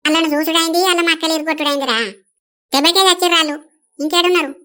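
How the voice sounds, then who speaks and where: A woman's voice: very high-pitched, steady tone, racing, fairly bright tone. A woman voicing a feisty old village grandmother in a cartoon, talking in a bossy, boastful way with a Telangana Telugu accent. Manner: bold, boastful, scolding. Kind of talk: animated village comedy dialogue.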